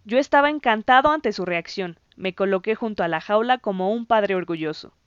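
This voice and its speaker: A woman narrating a story in the first person, in an even, measured reading. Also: mid-range voice, clear, resonant tone, dry recording, highs cut off. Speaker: audiobook narrator.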